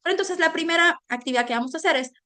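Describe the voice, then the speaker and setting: A woman's voice: extremely high pitch, rapid-fire. A woman giving a parenting lecture, talking straight to the parents and checking in with them often. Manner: animated, addresses parents directly with frequent check-ins. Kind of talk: online parenting talk.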